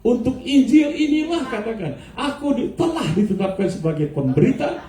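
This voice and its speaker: A male pastor with a high, animated voice, mellow in tone, preaching from some distance in an echoey church hall. He keeps firing rhetorical questions at the congregation and mixes English into his sermon. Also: normal speed, a little hiss or hum.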